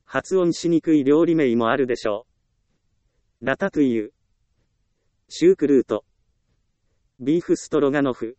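A man calmly narrating a self-help book, reading advice in an even, instructive way. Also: medium pitch, moderate pace, pauses often, clean tone, dry recording.

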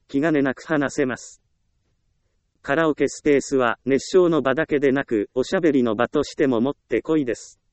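A man giving scripted self-help narration in a calm, measured reading with frequent short pauses. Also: mid-range voice, clean tone, no room sound.

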